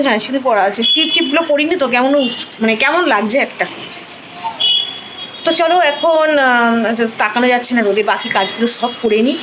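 A woman chats casually while doing chores, fairly high-pitched and homely. She is recorded on a phone at home, and household noise comes through clearly behind her. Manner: chatty, homely, narrating chores. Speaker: homemaker vlogger. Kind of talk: casual daily vlog. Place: home kitchen and sunny outdoors.

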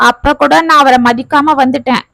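A woman's voice: high-pitched, fairly even intonation, a little fast, creaky, pushed and bright, dry recording, heavily acted. A woman voicing a young working wife who confesses tearfully that she misjudged her husband. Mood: apologetic. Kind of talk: storytelling narration.

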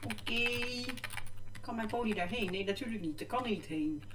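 A woman's voice: fairly high pitch, animated, normal speed, far from the mic, heavy background noise. A woman, chatting casually and exclaiming as she plays a game at her computer. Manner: chatty, easily distracted, exclaiming. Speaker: gaming vlogger. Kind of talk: casual gameplay commentary. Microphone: desk microphone. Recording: echoey room, mic off to the side.

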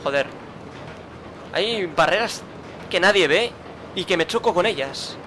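With a high-sitting, animated voice and a measured pace, a man comments on his own let's play, frustrated and swearing as he grumbles and mutters to himself at the game. Background noise runs underneath.

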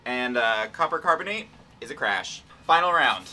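A man's voice: medium pitch, animated, normal speed, bright, forceful tone, slight background noise. A young man hosting a casual science game with playful, campy enthusiasm, recorded in a lab. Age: young adult. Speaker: game host. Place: small laboratory, indoors.

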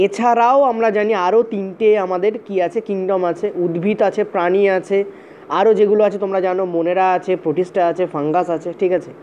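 Teacher, exam-prep lecture, rapid delivery, slightly lo-fi recording, spells out terms, keeps saying okay. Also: mid-range voice, steady tone, a little mellow. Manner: repetitive, checks in with "ok" often. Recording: dull, slightly lo-fi audio with faint hiss.

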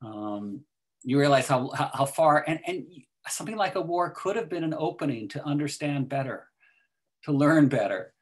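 A man in his sixties, a poet and teacher, talking in a thoughtful, measured way with frequent restarts on a video call from a small room at home. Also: fairly high pitch, animated. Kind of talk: video call discussion and poetry reading. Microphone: video call webcam.

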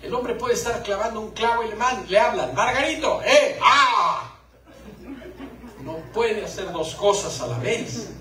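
A man's voice: high-pitched, moderate pace, hardly any pauses, fairly bright tone, reverberant, distant mic, rough recording. A man gives a joking live talk to couples about marriage and acts out little scenes. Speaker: conference speaker on marriage.

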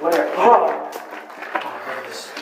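Excitable man in an echoing tunnel. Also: a little high, slow, far from the mic. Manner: excitable, joking. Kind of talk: casual chat while exploring. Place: inside a sewer tunnel. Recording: echoey tunnel, off-mic, loud noise.

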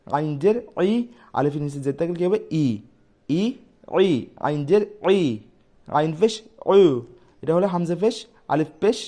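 A man teaching pronunciation, repeating each sound slowly and loudly before explaining calmly. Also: fairly high pitch. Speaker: Quran recitation teacher. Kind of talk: letter-by-letter pronunciation lesson.

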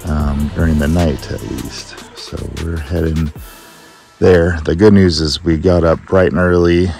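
A man giving a casual travel update for his van life vlog, chatty and relaxed with fillers, at a campground. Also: extremely low pitch, gravelly. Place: campground outdoors.

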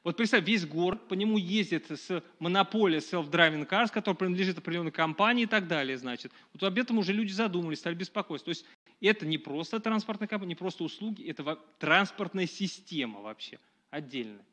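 Animated and fast, a middle-aged man with a high-pitched voice lectures to a live audience in a small dark room. His speech is conversational and riddled with fillers and restarts, filmed by a camera at a distance.

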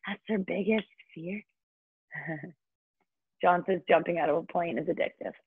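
Woman fitness instructor doing aerobics class cues, upbeat n encouraging, muffled low-bandwidth online sound. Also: a little slow, breathy edge. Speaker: fitness instructor leading a live online workout. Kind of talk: aerobics instructor cueing, counting down and coaching. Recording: muffled, band-limited online stream audio.

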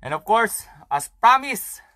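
A man's voice: extremely high pitch, big pitch swings, slow, bright, forceful tone. A man hosting his own comedy show, telling rambling, crude, swear-filled stories about childhood in a casual stand-up style. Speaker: comedian host.

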